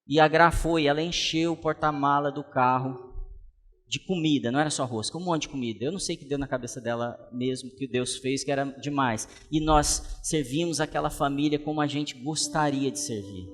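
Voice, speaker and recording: A man preaching a sermon as a pastor, telling stories with lively acted quotes. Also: mid-range voice, fairly quick, in a large hall. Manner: animated storytelling with acted quotes.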